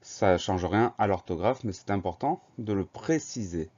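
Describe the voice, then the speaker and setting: A man's voice: low voice, lively intonation, moderate pace, darkish tone, muffled recording. A man teaching a children's spelling lesson, patiently explaining words and spelling them out letter by letter.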